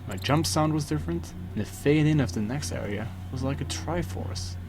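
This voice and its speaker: A man reading a scripted first-person horror story, dramatically, with pauses for suspense. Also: fairly high pitch. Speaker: creepypasta narrator. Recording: music behind the voice. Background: music.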